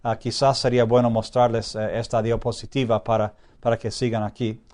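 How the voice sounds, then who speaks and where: A man giving a classroom lecture in an even, middle-range voice. He thinks aloud with long "ah" fillers and keeps checking that his students follow. He slows right down whenever he stresses a key phrase. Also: mid-range voice. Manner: checks in often with a questioning "¿sí?"; frequent drawn-out "ah" fillers while thinking. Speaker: Bible institute teacher.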